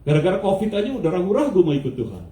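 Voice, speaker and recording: A male pastor with a high, animated voice, mellow in tone, preaching from some distance in an echoey church hall. He keeps firing rhetorical questions at the congregation and mixes English into his sermon. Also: racing.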